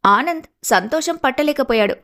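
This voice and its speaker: Lady narrating a cartoon story, dramatic storyteller style, fairly high voice. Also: expressive, normal speed, a bit bright.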